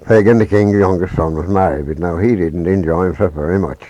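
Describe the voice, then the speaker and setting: A man with a low, dark, mellow voice tells a traditional folk tale in halting dialect speech, restarting his sentences as he goes. The sound is dry and close, on a dull lo-fi recording. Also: no echo. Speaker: storyteller.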